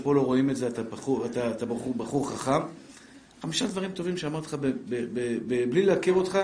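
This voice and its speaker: A middle-aged man giving a live religious lesson, lively and joking, speaking straight to his listeners and acting out family scenes. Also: medium pitch. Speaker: Torah teacher. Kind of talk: live Torah lesson to an audience. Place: class room with a live audience. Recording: echoey room.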